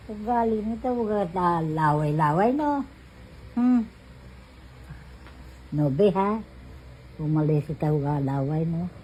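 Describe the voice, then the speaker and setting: A woman coos at a baby in unhurried, drawn-out baby talk. Her voice is mellow and low in brightness, playful and coaxing. A faint hiss sits behind her. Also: animated, low-quality recording. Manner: cooing, playful, coaxing, laughs often. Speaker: caregiver talking to a baby.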